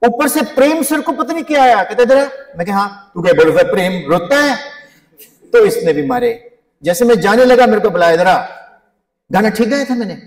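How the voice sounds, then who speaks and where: A man in his fifties, a physics teacher giving a humorous, animated motivational talk to students, mixing English phrases into his speech. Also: sits high, brisk. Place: large school hall. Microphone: handheld mic, recorded from a distance. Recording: echoey hall, distant mic.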